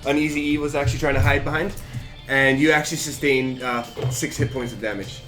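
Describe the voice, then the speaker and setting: A man's voice: mid-range voice, fairly even intonation, fairly quick, a bit bright. A young man narrating as dungeon master, rambling with lots of fillers and restarts. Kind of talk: narrating a tabletop game. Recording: echoey room with faint music.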